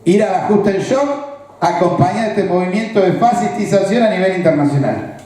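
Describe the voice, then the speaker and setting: Man, Rioplatense Argentine accent, political speech, high voice, mellow tone, explanatory, very echoey room. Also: normal speed. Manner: explanatory, asks the audience rhetorical check-in questions. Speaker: political speaker. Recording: very echoey, roomy recording.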